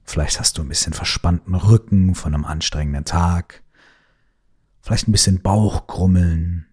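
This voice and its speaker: Male meditation guide, very deep, husky voice, slow and soothing delivery that drifts into whispers. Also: steady tone, darkish tone.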